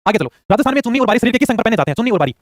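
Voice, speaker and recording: A man teaching a quiz-style exam prep lesson, firing off questions and urging quick answers. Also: extremely high pitch, big pitch swings, no echo, clean studio sound. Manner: rapid-fire, urging answers fast.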